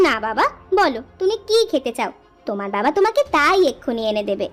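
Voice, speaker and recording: A woman's voice: high voice, sing-song, quick pace, soft background music. A woman voicing a doting, emotional village wife and mother in a cartoon, pleading and indulgent. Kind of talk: cartoon voice acting.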